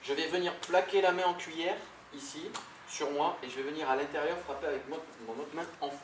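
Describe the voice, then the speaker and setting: A man's voice: fairly high pitch, steady tone, fairly quick. A man teaching self-defense in a live class, giving directions and checking in with frequent "okay?"; recorded in an echoey hall from a distant camera mic with noise behind.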